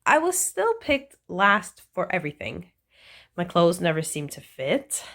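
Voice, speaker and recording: A woman reading a children's picture book aloud, with slow, playful storytelling and animated emphasis. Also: lowish voice.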